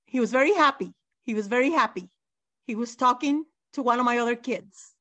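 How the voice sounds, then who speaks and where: A woman's voice: on the high side, brisk, fairly bright tone. A middle-aged mother giving emotional, insistent testimony as an interview guest, near tears and repeating herself.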